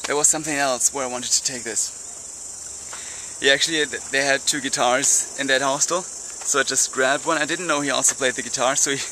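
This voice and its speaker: A man's voice: mid-range voice, fairly even intonation, moderate pace. A young man chatting casually and informally in a rambling travel vlog. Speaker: travel vlogger. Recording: loud ambient travel noise.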